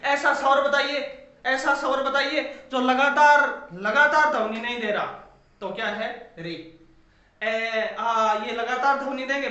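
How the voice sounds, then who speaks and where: A man lectures in a sharp, very high voice, repeating each point and firing questions at his students. The room rings with heavy echo, and the recording sounds muffled. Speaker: teacher. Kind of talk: classroom grammar lecture. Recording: echoey dull-sounding room.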